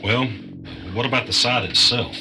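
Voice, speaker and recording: In an audio drama, a man plays a weary young gamer who both narrates and lives through a mystery, speaking plainly and with understatement in an uneasy mood. His mid-range voice moves at normal speed and sounds close to an everyday voice. There's noise in the background.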